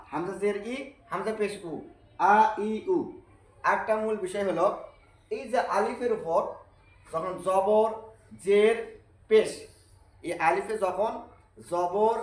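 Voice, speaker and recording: Guy doing quran reading drills, kinda high voice, echoey room. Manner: repeats drills slowly and patiently, asks and answers own questions. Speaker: Quran teacher. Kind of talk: Arabic reading lesson.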